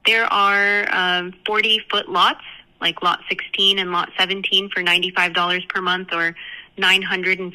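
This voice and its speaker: A woman's voice: fairly low pitch, pushed and bright, rough recording. A synthetic woman's voice acting as a phone receptionist, heard through a phone on speakerphone, with polite scripted customer-service phrasing. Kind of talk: booking call.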